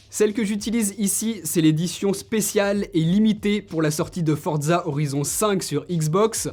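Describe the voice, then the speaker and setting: A man's voice: on the high side, darkish tone. A young man recommending tech gifts straight to his viewers, enthusiastic and direct, talking to them informally. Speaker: tech reviewer. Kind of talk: tech gift recommendations to camera.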